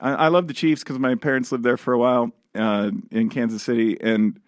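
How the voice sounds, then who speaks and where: A man hosting a casual chat, talkative and easygoing, with quick asides and laughs. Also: medium pitch, dry recording, clean studio sound. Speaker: podcast host.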